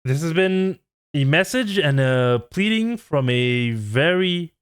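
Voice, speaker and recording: A man's voice: fairly high pitch, lively intonation, takes it slowly, clean tone. A man in his twenties, a channel host, giving an earnest, pleading vlog rant. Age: 20s.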